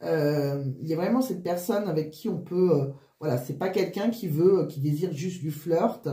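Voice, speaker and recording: A woman giving a casual card reading, wheezy and short of breath with flu, halting and often restarting her phrases. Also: low-pitched, mellow, roomy sound. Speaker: tarot card reader.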